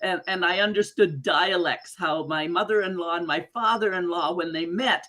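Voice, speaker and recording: A woman hosting an interview in a conversational, expressive way, reflecting back what she hears. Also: lowish voice, normal speed. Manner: expressive, exclaiming, paraphrases back. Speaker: interview host and coach.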